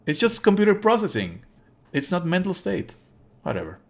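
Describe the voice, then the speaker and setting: This man's pitch is high and swoops wildly as he livestreams laid-back game commentary. He's opinionated and contemptuous, cursing and stumbling through explanations with repeated phrases.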